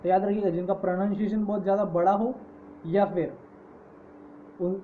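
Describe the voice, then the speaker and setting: A man's voice: sits high, fairly even intonation. A man teaching English grammar in an online lecture, patiently listing word forms. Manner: slow, patient, repeating word forms in lists. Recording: tinny phone-like audio with faint hiss.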